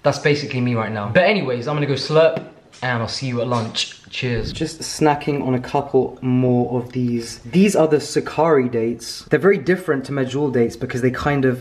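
A man's voice: medium pitch, slight background noise. Rambling British man in an echoey room. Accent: British English. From United Kingdom. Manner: rambling, self-mocking, talks straight to camera. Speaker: vlogger. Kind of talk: casual chatty vlog. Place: home kitchen and living room sofa, indoors. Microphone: handheld camera at arm's length.

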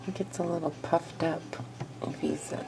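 A young woman filming a pet lizard, often whispering gently and giggling as she coaxes it. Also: low-pitched, fairly even intonation, moderate pace, gravelly, noisy background. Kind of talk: casual home video narration.

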